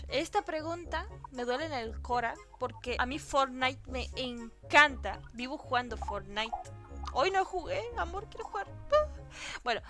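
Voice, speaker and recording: A woman's voice: sits high, sharp tone. A young woman from Santiago del Estero with that region's Argentine accent, a gaming YouTuber chatting casually and giggling as she reads out and answers fan questions. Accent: Santiago del Estero Argentine Spanish. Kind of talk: casual Q&A chat.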